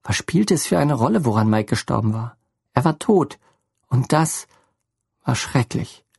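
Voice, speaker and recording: Gravelly, husky male narrator. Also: mid-range voice, lively intonation, measured pace, a little mellow, no room sound, studio quality. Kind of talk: audiobook narration.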